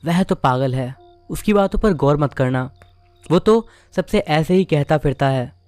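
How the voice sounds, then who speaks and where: A man's voice: a little high, animated, a little slow, a little mellow, dry recording, soft background music. A man voicing an older aunt who brushes off worries with a knowing air.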